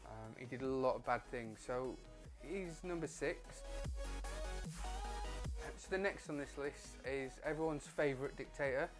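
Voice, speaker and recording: Male vlog host, casual rambling delivery, mid-pitched, faint music underneath. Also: measured pace. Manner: loose, chatty, with frequent fillers and offhand swearing.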